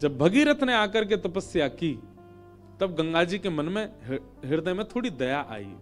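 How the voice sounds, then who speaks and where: A man telling a devotional religious story as a sermon, with expressive, swelling emphasis. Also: a little high, a little slow, faint music behind.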